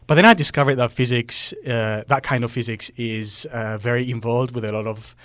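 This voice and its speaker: Explaining earthquake science in an interview, this middle-aged Greek-speaking seismologist talks earnestly in non-native English, full of fillers. He keeps a steady tone, medium pitch and moderate pace, with a slightly bright voice and no room sound.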